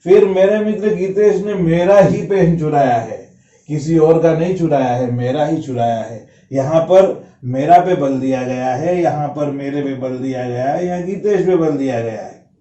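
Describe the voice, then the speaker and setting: A man teaching grammar in a slow, measured way, with a mellow tone set a little high for a man. He repeats each example sentence as he explains it. The sound is roomy and a bit dull. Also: recorded from a distance. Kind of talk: spoken grammar lesson. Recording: roomy, slightly dull home recording.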